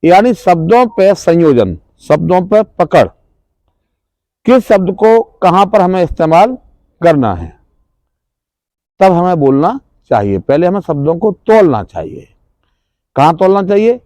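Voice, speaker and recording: Male trainer lecturing a class; raised, dark-toned voice, quizzes listeners and repeats key terms. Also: high voice, sing-song, measured pace, pauses often, dry recording. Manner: questions the class, then answers, repeats key words. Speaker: trainer at a rural self-employment institute.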